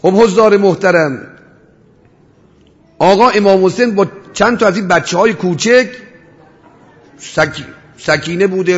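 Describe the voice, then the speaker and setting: High-voiced preacher man in echoing hall. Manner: rhetorical, swings from loud cries to hushed storytelling. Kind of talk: mourning sermon. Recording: dull reverberant hall sound.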